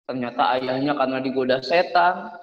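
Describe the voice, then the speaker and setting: A man telling a religious story to children, animated and often asking them questions. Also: medium pitch, normal speed, muffled recording. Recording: echoey room with long reverb.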